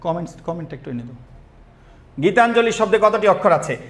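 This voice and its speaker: A young man teaching an online admission class, energetic and quizzing students with repeated questions. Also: high voice, a little fast, echoey room.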